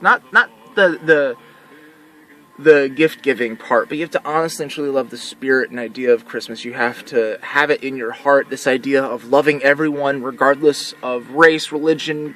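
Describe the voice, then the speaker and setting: A man's voice: fairly high pitch, low-quality recording. A young man talking to camera in a casual vlog, sincere and emotional, rambling with many restarts. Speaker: vlogger who works as a mall Santa.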